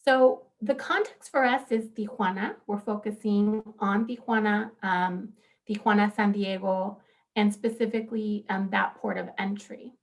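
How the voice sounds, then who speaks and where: A woman in her thirties speaks on a legal panel, walking listeners through slides. Her voice sits at a middle pitch with a gravelly, fry-tinged texture. She talks earnestly, with plenty of ums and quick self-corrections. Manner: animated, earnest, with frequent fillers. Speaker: law professor and panelist. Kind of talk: conference panel presentation.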